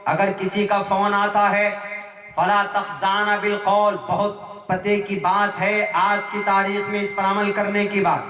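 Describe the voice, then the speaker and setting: Animated preacher, high bright voice. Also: male voice. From India. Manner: animated, emphatic, recites Quranic Arabic. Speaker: Islamic preacher. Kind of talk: sermon. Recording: echoey hall, mic far off.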